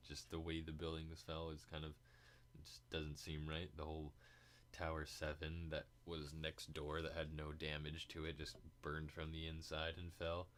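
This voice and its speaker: A male podcast host with a very deep, low voice talks off the cuff. He rambles and hesitates, restarting thoughts and swearing freely as he goes. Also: a bit bright, slight background noise. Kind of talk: casual podcast monologue.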